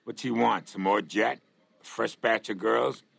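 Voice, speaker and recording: A gruff casino crime boss in a video game. His voice is deeply creaky and husky, and he talks curtly, brushing people off as if they are beneath him. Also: unhurried, fairly bright tone, full character voice. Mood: dismissive. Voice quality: gravelly, husky. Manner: curt, dismissive. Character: gruff, dismissive male casino mob boss. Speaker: non-player crime boss. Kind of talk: video game character dialogue.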